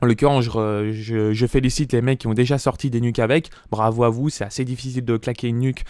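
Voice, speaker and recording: A man's voice: steady tone, fast talker, smooth, no room sound, clean studio sound. A young man, a gaming YouTuber delivering an angry, swearing rant over gameplay on a desk mic. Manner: furious, swearing, pitch jumping up when shouting.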